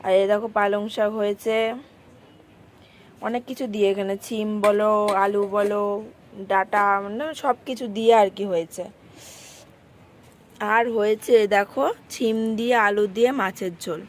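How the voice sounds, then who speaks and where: A woman's voice: medium pitch, fairly even intonation, moderate pace, pauses often. A woman, chatting to viewers in a casual home vlog. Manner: chatty, talks to viewers directly. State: hoarse. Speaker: vlogger.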